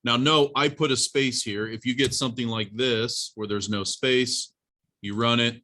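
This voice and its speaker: The instructor, a man, has a bright, forceful, mid-range voice with a steady tone and normal speed. Leading an informal college programming class, he narrates a live demonstration in a plain-spoken, instructive style, addressing students directly.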